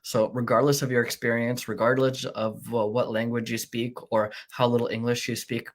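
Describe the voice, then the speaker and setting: A man hosting a live online business panel, upbeat and reassuring, with a salesy pitch. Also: flat delivery, moderate pace. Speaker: panel host. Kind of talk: casual live panel talk.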